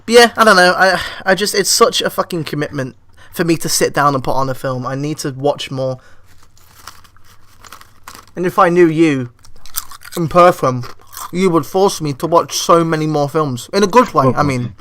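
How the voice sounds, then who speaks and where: A woman in casual chat who laughs often and reacts with animated comments. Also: low voice, moderate pace, pauses often.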